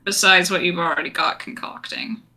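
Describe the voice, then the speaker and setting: A woman's voice: on the low side, fairly even intonation, normal speed, sharp tone. Woman as an angry, menacing male adventurer. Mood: cold, curt. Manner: menacing, sweary, sarcastic. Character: Micah, angry vengeful male adventurer, coldly threatening.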